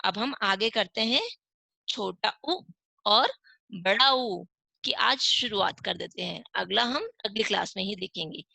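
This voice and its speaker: A woman's voice: medium pitch, unhurried, vocal fry, sharp tone, dry recording. A woman teaching an online class to young children, sounding out words syllable by syllable and asking the class questions. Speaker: primary school teacher.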